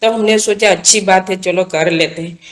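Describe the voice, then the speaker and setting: A woman's voice: medium pitch, fairly even intonation, normal speed. A woman guest telling a personal devotional story in an earnest, casual way, often repeating and restarting her phrases as she goes. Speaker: guest recounting a devotional experience.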